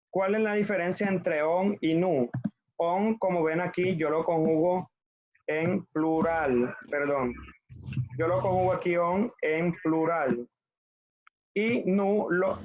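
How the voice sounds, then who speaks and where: Man, colombian spanish accent, teacher, patient conjugation drills, fairly high voice, dull lo-fi sound. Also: a little mellow. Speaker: French teacher. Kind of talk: classroom lesson over video.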